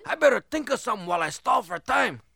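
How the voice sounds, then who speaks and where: Male comic as a nervy wisecracking piglet; bright, bouncy. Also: extremely high pitch, big pitch swings, gravelly, slightly rough, no room sound, heavily acted. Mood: cheeky. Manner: quick nervous wisecracks. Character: cheeky wisecracking little boy pig.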